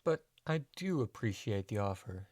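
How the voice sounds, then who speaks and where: A man's voice: lowish voice, expressive, moderate pace, darkish tone, no room sound, clean studio sound. A man voicing a tough young woman brawler in a first-person audio story, matter-of-fact and wry.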